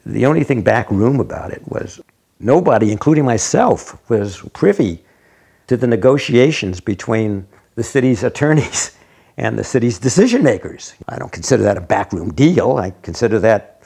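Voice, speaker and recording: Male landowner, gravelly and husky, blunt interview delivery. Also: medium pitch, lively intonation, moderate pace, mellow.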